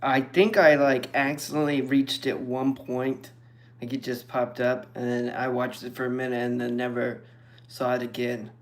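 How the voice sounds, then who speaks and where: A man streaming and chatting casually with viewers, relaxed and rambling. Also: mid-range voice. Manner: relaxed, rambling, slow and even. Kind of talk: casual chat.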